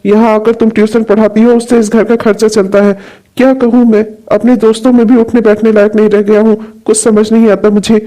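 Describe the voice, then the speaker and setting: A man's voice: high-pitched, little pitch movement, a little fast, warm tone, close to an everyday voice. A man voicing a worried jobless husband and father in a cartoon, who talks in an anxious, despairing way. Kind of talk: cartoon dubbing.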